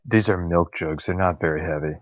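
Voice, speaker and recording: A man's voice: sits low, brisk, dry recording, dull audio. A man narrating as game master in a laid-back, drawling way. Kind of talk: narrating a tabletop game over voice chat.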